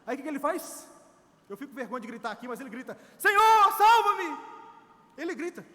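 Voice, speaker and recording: Brazilian male missionary preaching, very high voice, animated and exhorting, church reverb. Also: racing. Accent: Brazilian Portuguese. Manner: animated, acts out quotes, exhorts the congregation. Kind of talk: sermon.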